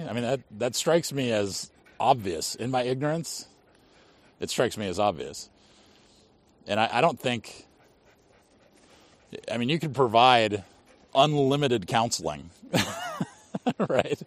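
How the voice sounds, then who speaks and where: A man's voice: mid-range voice, sing-song, unhurried, pauses often. A man hosting a casual conversation, pressing his case with rhetorical questions.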